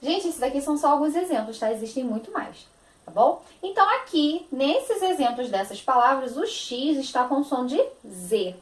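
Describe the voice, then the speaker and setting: A woman's voice: high voice, very animated, moderate pace, reverberant. A woman teacher with a Brazilian Portuguese accent, giving a phonics lesson to young children, stretching out words in a sing-song, affectionate manner.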